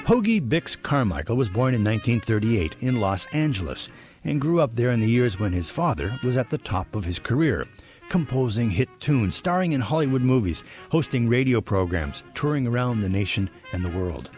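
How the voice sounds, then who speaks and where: A male reporter giving a scripted documentary narration in a lively storytelling way. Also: medium pitch, moderate pace, faint music behind.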